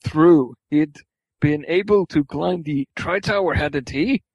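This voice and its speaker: A man's voice: fairly high pitch, takes it slowly, a little mellow, husky, dry recording, dull audio. A man reading fan fiction aloud for laughs, stumbling over words and swearing at the text. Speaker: reader.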